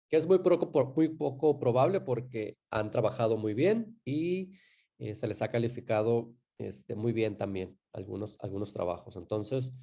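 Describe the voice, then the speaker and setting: A man teaching a live online class, talking in a relaxed way with frequent fillers and self-corrections. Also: medium pitch.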